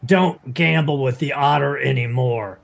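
A man voicing a stern, gruff trainer with a gravelly, husky voice in a tabletop game. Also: medium pitch, measured pace.

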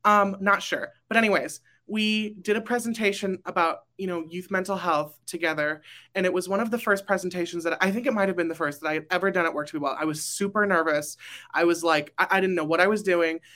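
A woman's voice: on the low side, fairly even intonation, fairly quick, a bit bright. A young woman, a graduating student council member, talking casually on a podcast, emotional and rambling with fillers and restarts.

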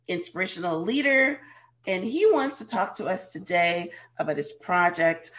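A woman from Guyana hosts a coaching interview show. Her voice sits at a middle pitch and is hoarse with a cold. She speaks as a life coach introducing and questioning a guest. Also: fairly bright tone. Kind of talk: interview hosting.

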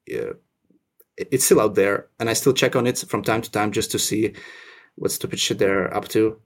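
A young man from Russia, raised in Finland, talking as a podcast guest in a relaxed, self-deprecating way with many restarts. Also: lowish voice, moderate pace. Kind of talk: casual interview chat.

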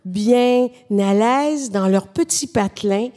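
A middle-aged woman with a Québécois French accent, explaining urban planning in a measured, professorial way as a podcast guest. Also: fairly high pitch, warm tone, big-room sound. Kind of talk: podcast conversation.

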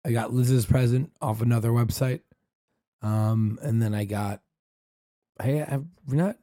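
A man's voice: mid-range voice, steady tone, measured pace, mellow, dry recording, studio quality. A man co-hosting a podcast in casual chat, with short offhand remarks. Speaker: podcast co-host.

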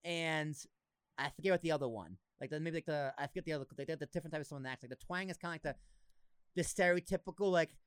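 A young man with a slight Boston accent, his voice sitting a bit high for a man. He talks in an animated, joking way as a podcast host. The sound is dry and close. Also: clear, resonant tone, no room sound. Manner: animated, laughs often, quick asides. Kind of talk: casual chat.

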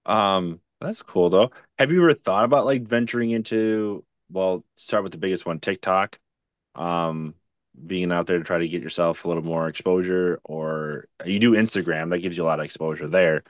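Chatty low-voiced male host. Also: moderate pace, no room sound, studio quality. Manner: enthusiastic, chatty. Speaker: podcast host. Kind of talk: casual interview chat.

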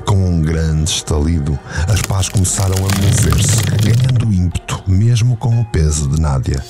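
A man narrating a novel as an audio drama, telling it in a measured, dramatic way. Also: sits low, loud music behind the voice.

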